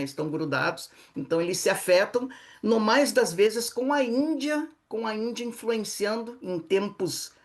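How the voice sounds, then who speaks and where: A speaker with a Brazilian Portuguese accent, a tour leader giving an online slide lecture to travelers, explaining patiently and often checking in with tag questions. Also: mid-range voice. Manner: patient, repeats words slowly for practice.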